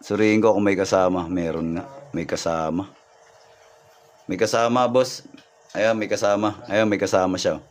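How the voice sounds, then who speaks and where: A man's voice: deep voice, fairly even intonation, moderate pace, pauses often. A man working as a folk healer, reading signs live on stream, repeating himself and thanking viewers by name over faint background noise. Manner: repetitive, thanks viewers by name, points things out.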